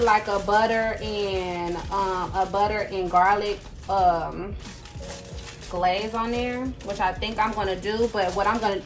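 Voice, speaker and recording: Chatty woman cooking at home. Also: mid-range voice. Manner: chatty, repeats "right?" and "y'all". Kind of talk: casual cook-along chat. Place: home kitchen. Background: background music.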